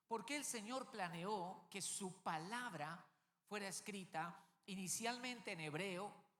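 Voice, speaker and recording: A man's voice: high voice, sharp tone. A man preaching a sermon as pastor, emphatic, repeating key words and checking in with the congregation. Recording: long reverb of a large hall.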